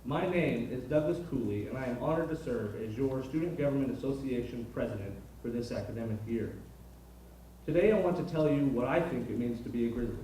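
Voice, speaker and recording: A man's voice: medium pitch, brisk, warm tone. Young man, prepared motivational speech, student leader, big echoey auditorium, distant mic. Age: young adult. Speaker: student body president addressing freshmen. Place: large auditorium. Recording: very echoey hall, distant, faint noise.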